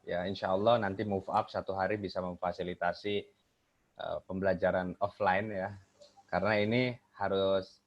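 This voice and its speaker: A man coaching on communication over a webinar, explaining points and animatedly acting out how tone and gesture change meaning. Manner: animated, swings pitch to illustrate intonation. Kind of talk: webinar teaching with spoken demonstrations. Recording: muffled lo-fi online call audio.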